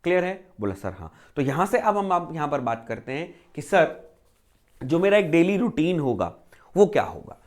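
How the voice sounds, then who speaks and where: Animated male coaching teacher. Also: on the high side, normal speed. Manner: asks and answers his own rhetorical questions, repeats key phrases. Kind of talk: exam preparation lecture.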